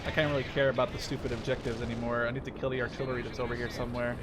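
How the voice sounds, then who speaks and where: A man in his twenties makes gaming videos, rambling through casual gameplay commentary and cutting himself off often, with informal talk and mild swearing. His mid-range voice barely shifts in pitch and races along. Behind him, the game's battle noise plays: artillery, gunfire and vehicles.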